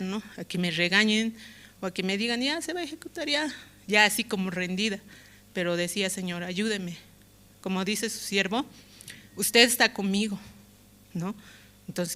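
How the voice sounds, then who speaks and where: Bolivian woman, mid-pitched, emotional hesitant testimony, lots of "¿no?" tags. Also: pushed and bright. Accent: Bolivian Spanish. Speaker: church member giving testimony. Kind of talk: spoken testimony.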